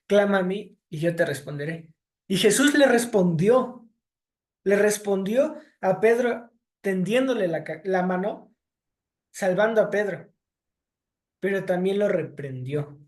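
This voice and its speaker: A man co-hosting a Bible discussion, retelling scripture scenes in a lively, storytelling way with acted-out quotes, over a video call. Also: sits high, a little slow.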